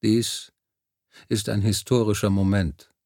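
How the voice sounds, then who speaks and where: Man playing a patient male leader, audiobook, slow deliberate speech, firm, dry close recording. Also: fairly low pitch, lively intonation, a little mellow, no echo. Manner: measured, deliberate.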